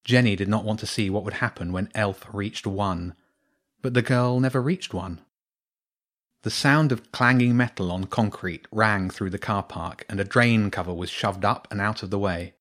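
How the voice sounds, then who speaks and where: A man narrating a children's storybook in a steady, clear reading voice. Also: fairly low pitch, moderate pace.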